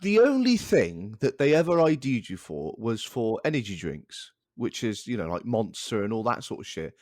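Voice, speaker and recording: A man's voice: medium pitch, very animated, moderate pace, darkish tone, dry recording, studio quality. Exasperated man ranting. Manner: ranting, exasperated, many restarts. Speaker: podcast co-host. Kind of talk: casual podcast chat.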